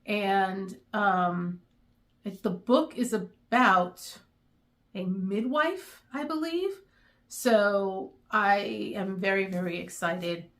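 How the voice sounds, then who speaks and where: A middle-aged woman, chatting in a rambling way with many pauses, going emotional at times. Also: mid-range voice, lively intonation, fairly bright tone. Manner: emotional, near tears. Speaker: book vlogger. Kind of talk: casual chat.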